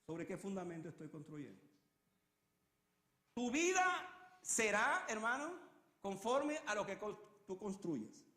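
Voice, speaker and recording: A man preaching a sermon in a dramatic way, swinging from loud climaxes to hushed, low repetitions. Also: animated, moderate pace, roomy sound.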